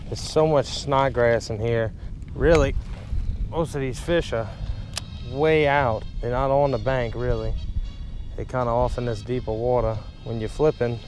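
A relaxed man in his thirties talks on a fishing vlog, his voice caught on an action camera outdoors by a windy lake. Music plays clearly behind him, and he rambles easily as he casts. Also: mid-range voice, a little slow. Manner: laid-back, rambling, talks to himself while casting. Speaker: fishing vlogger. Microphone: action camera, head-mounted and handheld. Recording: background music under the voice.

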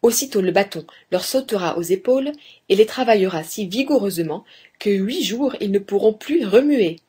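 A woman voicing a male master craftsman in a fairy tale, quietly instructing his apprentice. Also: mid-range voice, expressive, moderate pace, breathy edge.

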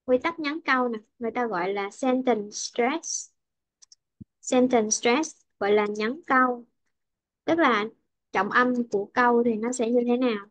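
A woman's voice: a little high, dry recording. A woman English teacher with a Vietnamese accent, patiently explaining word and sentence stress in an online lesson.

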